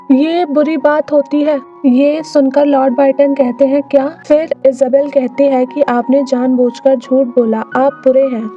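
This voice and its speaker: High-voiced woman narrating a story recap. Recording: slightly dull recording, faint music.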